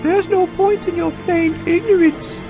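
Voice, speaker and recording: Unhinged aristocrat villain, pinched and sneering, very high register, music bed. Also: male voice, fairly even intonation, measured pace. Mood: haughty. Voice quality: pinched, snobby, jeering. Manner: haughty, theatrical pronouncements. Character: snobby, unhinged young male aristocrat villain.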